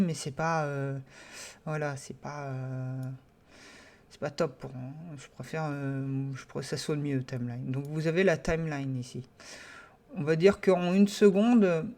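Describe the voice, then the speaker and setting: Un homme qui donne un tutoriel logiciel enregistré sur écran, en parlant de façon hésitante avec beaucoup d'hésitations, et qui commente chaque clic. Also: male voice, fairly high pitch, a little mellow. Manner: hesitant, many fillers, talks through each click. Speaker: software tutorial teacher. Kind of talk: screen-recorded software tutorial.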